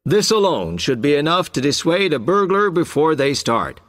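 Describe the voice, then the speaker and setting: A man's voice: fairly high pitch, sing-song, moderate pace, fairly bright tone. A man playing a polite, informative home-security salesman giving a scripted presentation. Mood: polite, persuasive. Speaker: alarm salesman.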